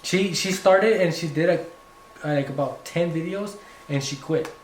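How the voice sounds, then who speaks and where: A woman's voice: on the low side, unhurried, distant mic. A woman chatting casually and teasingly as a partner joining in on a vlog. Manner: teasing, joking. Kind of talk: casual chat. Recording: echoey room with faint noise.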